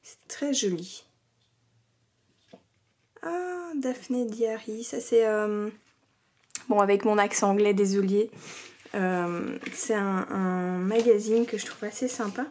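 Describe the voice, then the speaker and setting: Her mid-range voice is steady, unhurried, and darkish as this vlogger casually presents scrapbooking mail. She hesitates often, fills pauses, and at times almost whispers, while faint noise and clicks sit in the background.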